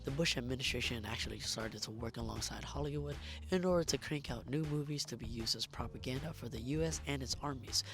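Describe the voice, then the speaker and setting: A man reading a scripted video essay in a hoarse, strained voice that is giving out as he narrates. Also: mid-range voice. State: hoarse, losing his voice. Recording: music behind the voice. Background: background music.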